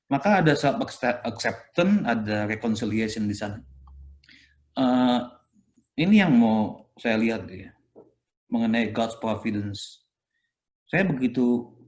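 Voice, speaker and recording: A man's voice: on the low side, a little mellow. A man with an Indonesian accent, a priest giving a conversational sermon, often ending phrases with "gitu ya" and slipping English phrases in. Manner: conversational, peppered with "gitu ya" tags; mixes English phrases into his speech. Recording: echoey room.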